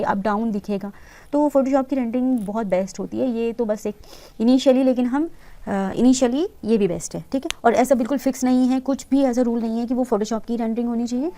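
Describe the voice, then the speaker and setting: Woman instructor, slightly high and warm tone, patient step-by-step tutorial delivery. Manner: patient, talks viewers through each step, mixing English terms into her talk. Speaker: interior design instructor. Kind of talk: screen-recorded software tutorial.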